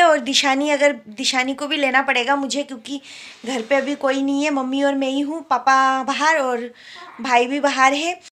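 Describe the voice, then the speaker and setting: A woman's voice: high voice, bright, forceful tone. A young woman from India, a new mother, chatting casually at home in her vlog and explaining what she shows on her phone camera. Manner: chatty, explains while showing things. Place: home, indoors.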